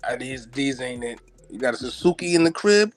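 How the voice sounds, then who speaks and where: A man's voice: medium pitch, lively intonation, fairly quick, soft background music. A man co-hosting a casual sneaker podcast, joking around in loose slang. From United States. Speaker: podcast co-host.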